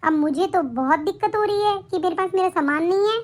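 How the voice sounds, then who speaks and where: A woman's voice: extremely high pitch, brisk, darkish tone, a little hiss or hum. Woman voicing a wronged young wife. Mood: aggrieved. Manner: defiant, aggrieved. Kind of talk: animated cartoon voice acting.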